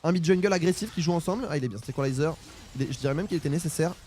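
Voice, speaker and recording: Young male esports caster, high voice, talks fast, excitable live commentary. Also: slight background noise. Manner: fast, excitable, frequent exclamations.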